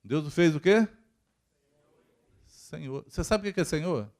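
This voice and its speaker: A pastor with a Brazilian Portuguese accent preaches in a church, speaking to his congregation and asking it questions along the way. His voice is a little high and a little mellow, expressive and unhurried.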